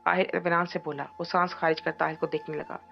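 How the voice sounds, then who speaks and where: A woman narrating a romantic novel in a steady storytelling manner. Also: fairly low pitch, fast talker, gravelly. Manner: steady storytelling, reading all parts in her own voice. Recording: dull lo-fi audio with soft music behind.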